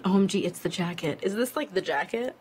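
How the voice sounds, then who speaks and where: A young woman, a singer, chatting casually on a live stream, reading fan questions aloud and answering with lots of "like" and quick laughs. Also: medium pitch, expressive, darkish tone, breathy edge. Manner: chatty, giggly, filler-heavy with frequent "like". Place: indoors at an office.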